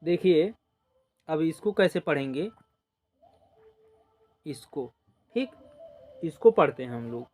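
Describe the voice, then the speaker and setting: Here the teacher's voice is slightly high, animated, and darkish in tone. Going step by step through a basic number-system lesson, he patiently repeats numbers, counts in a drawn-out way, and leans on "dekhiye" and "ok," in a slow classroom manner.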